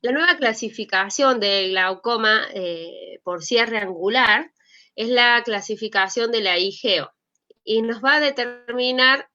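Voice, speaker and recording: A woman's voice: a little high, measured pace, bright, forceful tone. A woman with an Argentine accent giving an online medical lecture as a doctor, in a conversational way. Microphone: video call. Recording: dull video-call audio.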